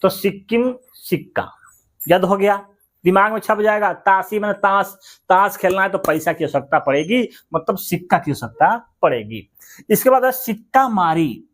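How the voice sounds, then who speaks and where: High-voiced man teaching mnemonic tricks. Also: expressive, normal speed. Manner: chatty, repeats words, asks and answers himself. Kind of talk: mnemonic exam-prep lesson.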